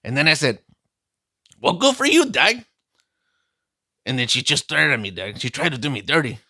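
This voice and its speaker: Delivering a swaggering comic monologue, a man voices a heartbroken, bragging streetwise vato who tells his story in slang and keeps calling the listener "dog." His voice is medium-pitched, quick, bright and forceful, recorded clean and dry in a studio.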